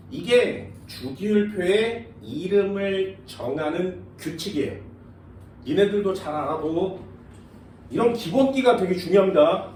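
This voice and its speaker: Man teaching in an echoey classroom. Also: sits high. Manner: questioning students often, casual banmal mixed with polite speech. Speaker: science teacher. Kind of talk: classroom lecture. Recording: echoey classroom from far off, faint noise.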